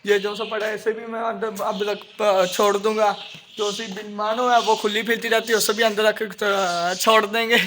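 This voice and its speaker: High-voiced man chatting to his pets. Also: level tone, normal speed, a bit bright, a little hiss or hum. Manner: chatty, fondly scolds his birds as they eat. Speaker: pet-keeping vlogger. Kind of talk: casual vlog narration while feeding pets. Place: outdoors at his pet cages, on the rooftop.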